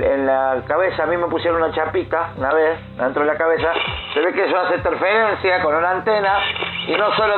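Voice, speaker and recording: An actor playing an aggrieved, rambling Argentine man in a mock documentary, his speech distorted like AM radio. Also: high-pitched. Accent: Rioplatense Argentine. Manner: rambling, repeats himself. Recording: muffled, distorted AM radio sound.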